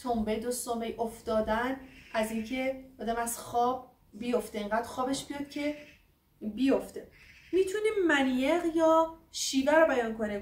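Woman from Iran, French teacher, slow careful dictation of examples, somewhat high voice, distant mic in a roomy space. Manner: slow, drawn-out dictation of French examples between quick explanations. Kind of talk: language lesson.

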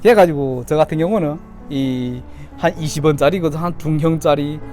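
Soft background music accompanies a thirtysomething Yanbian man telling the camera about his childhood in a casual YouTuber style. His voice is a little high with a darkish tone, his pace moderate, and his accent Chinese-Korean Yanbian.

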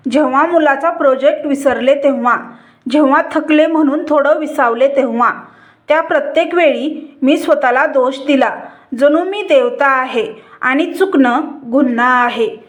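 A woman voicing a tired, thoughtful middle-class wife who speaks softly and turns her questions inward. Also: sits high, a little slow. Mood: reflective.

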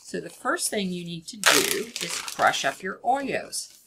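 A woman's voice: fairly low pitch, sing-song, a little slow, heavy background noise. A middle-aged woman, an extension educator, walks through a cooking demonstration step by step in a kitchen. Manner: plain step-by-step instruction. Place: home-style kitchen.

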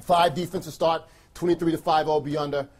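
A middle-aged man gives a locker room pregame talk as a coach. His voice sits a little higher than most men's. He speaks in short, emphatic directives and keeps adding quick checks for agreement. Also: level tone. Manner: emphatic, clipped instructions with repeated "right?" checks. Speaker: basketball coach. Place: small carpeted locker room, indoors.

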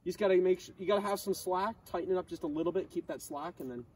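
A man's voice: high voice, very fast, dark tone, slightly rough. A young man in a small boat on a lake, casually explaining step by step how he fishes. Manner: laid-back, explains step by step. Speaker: angler demonstrating a technique. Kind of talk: casual outdoor fishing chat. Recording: slightly distant, faint outdoor noise.

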